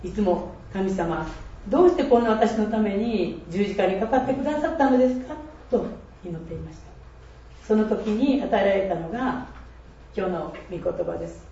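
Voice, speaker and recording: Earnest older woman in her 60s, sharing her faith, soft mellow voice, far off the mic in a big echoey church, faint hiss. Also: mid-range voice, animated, normal speed. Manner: earnest, reflective, quotes scripture, laughs at herself. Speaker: church member giving testimony. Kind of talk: personal faith testimony. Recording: echoey and distant, dull with faint noise.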